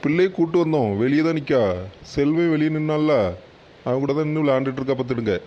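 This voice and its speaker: Fast-talking coaxing son-in-law, voiced by a man. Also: fairly high pitch, fairly even intonation, muffled recording, close to an everyday voice. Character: pleading son-in-law, eager to bring wife home.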